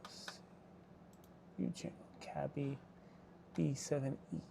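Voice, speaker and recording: A man's voice: fairly high pitch, steady tone, slow pace, creaky, noisy background. A man hosting a live repair stream, joking casually with viewers in chat while he works. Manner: reads viewer chat aloud and answers it. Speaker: electronics repair livestream host.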